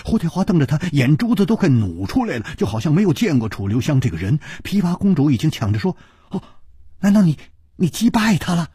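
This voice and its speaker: A man's voice: fairly high pitch, very animated, fast, hardly any pauses, dark tone, slightly rough, no echo, clean studio sound. A man telling a martial-arts story in a dramatic, varied storytelling manner. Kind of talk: traditional storytelling.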